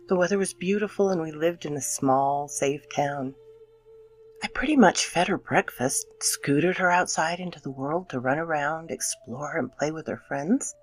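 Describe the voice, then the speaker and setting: With a low voice, a woman takes the role of an anxious mother weighed down by guilt in a dramatic horror script. She delivers it theatrically, dipping into breathy near-whispers.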